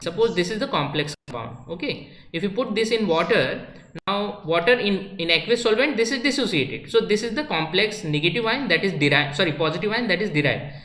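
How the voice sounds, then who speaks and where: In an echoey classroom, a woman teaching chemistry lectures step by step, going back over the key points and sometimes switching into Hindi. She sounds expressive and a bit bright, with a medium pitch and fairly quick delivery.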